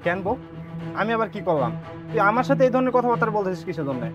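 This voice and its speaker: A man playing a quick-tempered, demanding village husband. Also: high-pitched, very animated, dull audio, music in the background. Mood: hurt. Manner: blustering, demanding.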